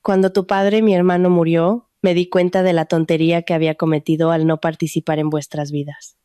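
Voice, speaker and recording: A woman's voice: lowish voice, little pitch movement, a little fast, warm tone, clean tone, no room sound, close to an everyday voice. A woman reading as a remorseful dying old aunt. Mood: regretful. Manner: regretful, tender. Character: remorseful dying elderly aunt writing a letter.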